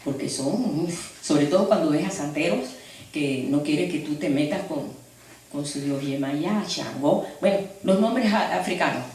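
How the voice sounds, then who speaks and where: A woman preaching a sermon, telling stories in an animated way and laughing as she speaks. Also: low-pitched, a little slow, slight background noise. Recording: echoey hall from far off.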